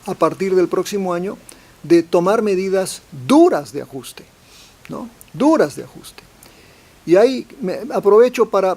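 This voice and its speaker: A professor with a high-pitched, darkish voice addresses a political forum panel. He's hesitant, repeating words, restarting phrases, and tacking questions onto the ends of his sentences.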